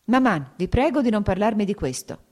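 A woman's voice: fairly low pitch, very animated, brisk, darkish tone. A woman voicing a cold, stern young nobleman. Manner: cold, curt, frowning. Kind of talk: audiobook character reading.

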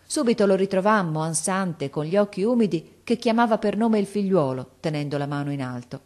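A woman narrating a classic novel as an audiobook, with measured, expressive storytelling. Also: mid-range voice.

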